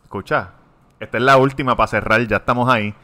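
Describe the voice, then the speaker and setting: A man, co-hosting a casual podcast and telling crude, animated stories. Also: mid-range voice, fast. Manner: animated, profane storytelling. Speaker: podcast co-host. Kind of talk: casual chat.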